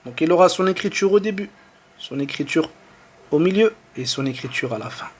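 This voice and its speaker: This online Arabic alphabet lesson comes from a man whose voice is high, light, expressive, and husky, with a French accent. Patiently, he pronounces each letter and vowel slowly and goes back over them again.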